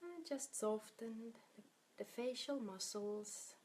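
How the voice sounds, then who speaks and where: Leading a guided meditation, a woman with a fairly high-pitched voice speaks softly, soothingly and without hurry. Her breathy tone frequently fades to almost a whisper.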